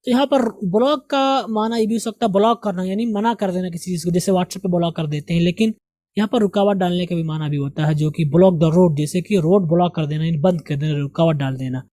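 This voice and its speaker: A man teaching English vocabulary, repeating each word slowly and correcting pronunciation. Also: high voice, dark tone, dry recording. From India. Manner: slow, drills each word several times.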